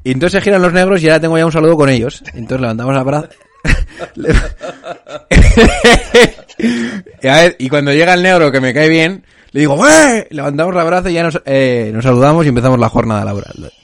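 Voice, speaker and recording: A man's voice: on the high side, lively intonation, a little fast, pauses often. A man from co-hosting a casual podcast from home, telling jokey stories. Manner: joking, tells stories animatedly. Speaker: podcast co-host. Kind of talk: casual chat. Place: home during lockdown.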